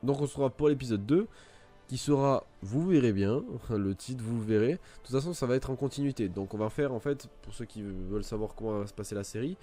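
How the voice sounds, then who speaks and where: A man's voice: medium pitch, a little fast, dark tone, faint music behind. A man giving a casual, rambling game tutorial, full of fillers and restarts. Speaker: gaming video creator. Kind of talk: casual gameplay tutorial commentary.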